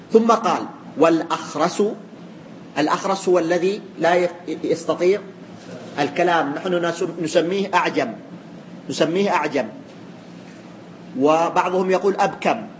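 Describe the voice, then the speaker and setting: Guy teaching a class, high voice, keeps repeating points and asking the students questions, faint hiss behind. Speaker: teacher of religious law.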